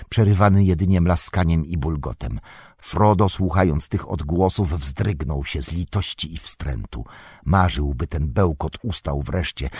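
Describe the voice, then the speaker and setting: A man narrating an audiobook in a measured, unhurried storytelling manner. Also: deep voice, dark tone, husky, no room sound. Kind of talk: scripted narration.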